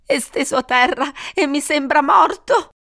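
A woman's voice: on the low side, huge pitch swings, measured pace, fairly bright tone, dry recording, studio quality, exaggerated voice. A woman reading an audiobook and voicing a young housewife in tearful, breathless speech. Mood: distraught. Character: distraught housewife, young woman, grieving wife.

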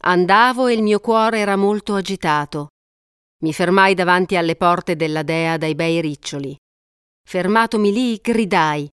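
Woman narrating an epic, low and dry. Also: moderate pace, fairly bright tone, clean tone, dry recording. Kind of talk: reading an epic poem aloud.

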